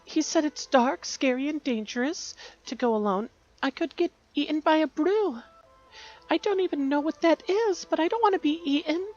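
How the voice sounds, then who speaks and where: A woman voicing a timid little child who is scared of a dark basement, reading game dialogue in a nervous, pleading way. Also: sits high, moderate pace, dull audio, faint music behind, voice pushed up, lightly acted.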